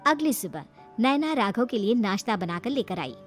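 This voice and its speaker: A woman's voice: fairly high pitch, sing-song, moderate pace. A woman narrating a scripted story as a storyteller. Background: faint music.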